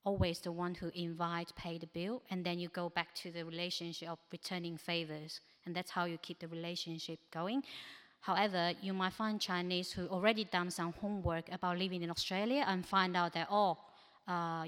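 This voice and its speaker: At a church ministry training, a woman whose first language isn't English gives a practical, advice-giving presentation with slides, hesitating frequently. Her fairly low, fairly bright voice is clean in tone, delivered flatly and fairly quickly, in an echoey hall with long reverb.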